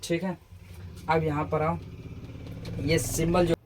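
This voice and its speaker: A man's voice: a little high, little pitch movement, takes it slowly, background noise. A man teaching a phonetics lesson who asks questions and answers them himself, repeating each sound several times in drills. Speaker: English pronunciation teacher.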